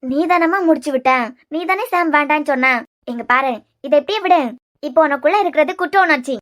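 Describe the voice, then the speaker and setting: An actress in a TV serial plays a motherly, middle-aged aunty who consoles a crying girl. Her high, natural voice runs a little fast and stays firm as she comforts the girl and scolds her lightly.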